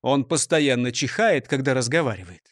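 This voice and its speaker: A man's voice: medium pitch, moderate pace, no room sound, studio quality. A man narrating a children's storybook, speaking directly to the listener. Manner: lively, talks to the listener.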